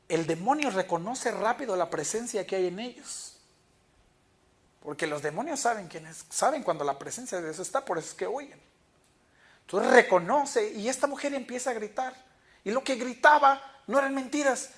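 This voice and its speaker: Pastor preaching. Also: medium pitch. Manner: storytelling, acting out quoted dialogue. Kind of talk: sermon. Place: church.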